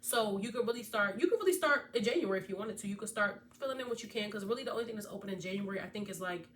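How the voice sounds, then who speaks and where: Chatty young woman giving casual advice. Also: mid-range voice. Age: 20s. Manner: chatty, animated, speaks directly to viewers. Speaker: veterinary student vlogger. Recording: distant mic with faint background noise.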